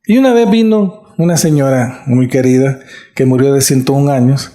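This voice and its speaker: Medium-pitched and mellow, this middle-aged pastor delivers his sermon at a moderate pace in a church with echoey acoustics. His manner is earnest and conversational, and he frequently checks in with those listening.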